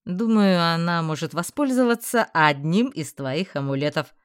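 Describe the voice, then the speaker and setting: A woman's voice: fairly low pitch, animated, normal speed, clean tone, no echo, studio quality, lightly acted. A woman voicing a cheerful, commanding male magister who sounds amused while giving orders. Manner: jovial and amused, yet commanding.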